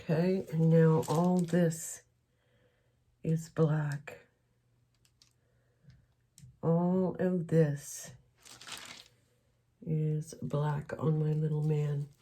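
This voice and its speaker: A woman's voice: deep voice, level tone, very slow, long pauses, dark tone. A middle-aged woman from Canada chatting candidly while she works on a craft piece, rambling and a little emotional. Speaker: craft vlogger. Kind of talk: casual chat while crafting.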